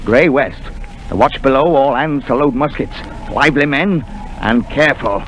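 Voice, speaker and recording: An actor playing a stern, clipped male ship's captain giving brisk orders in a 1930s radio drama. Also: mid-range voice, close to an everyday voice, rough recording. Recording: old radio broadcast with faint hiss.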